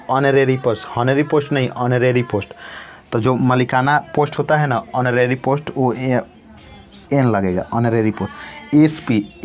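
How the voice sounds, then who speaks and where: A male teacher giving a grammar lesson, saying each word several times and answering his own questions as he goes. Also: medium pitch. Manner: repeats words slowly, asks and answers own questions.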